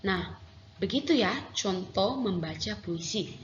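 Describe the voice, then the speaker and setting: An Indonesian-accented woman teaches young children in a gentle, patient, unhurried way. Her voice rings in an echoey room, and the recording sounds slightly dull with faint hiss behind it. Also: mid-range voice, expressive. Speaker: primary school teacher. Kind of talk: online lesson for young children.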